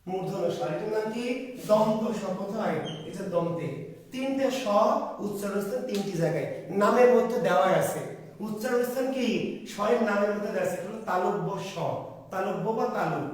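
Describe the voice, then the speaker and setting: A male teacher lectures a class in a high-pitched voice, firing questions and answering them himself. He is recorded from a distance. The classroom rings with heavy echo. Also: a little fast, darkish tone. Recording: echoey room from far off.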